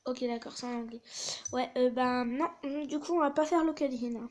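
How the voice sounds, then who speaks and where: Woman host, casual chat, swears, high voice. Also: normal speed. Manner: chatty, swears, drops to whispers. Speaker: video host reading chat stories.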